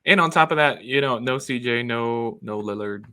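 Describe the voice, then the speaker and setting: A man with a bright, forceful voice co-hosts a podcast, wisecracking through the banter. His stories come out animated and quick-witted. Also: mid-range voice. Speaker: podcast co-host. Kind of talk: casual banter on a trading show.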